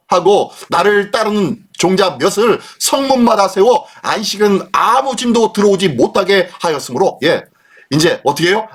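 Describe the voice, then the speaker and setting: A male pastor preaching at a midweek Bible study, his voice set fairly high and swinging widely up and down. He asks questions and answers them himself, and he throws himself into the scolding lines he acts out. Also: fairly bright tone, husky.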